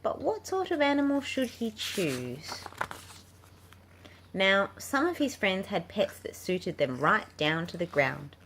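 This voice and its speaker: A woman with a lowish, slightly bright voice reads a picture book to children, acting as storybook narrator. She runs a channel featuring children's books, and the home recording is clearly noisy.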